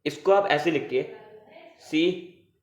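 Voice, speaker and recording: A man's voice: a little high, unhurried. Man teaching chemistry, echoey room. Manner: repetitive question-and-answer teaching, frequent "theek hai". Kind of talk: online class lecture in Hindi with English terms.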